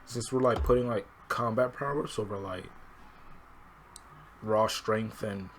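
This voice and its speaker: A young man chatting casually as co-host, rambling with lots of fillers and pausing to work out pronunciations. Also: lowish voice, fairly bright tone, a little hiss or hum. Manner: rambling, many fillers, looks up pronunciations aloud. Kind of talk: casual chat.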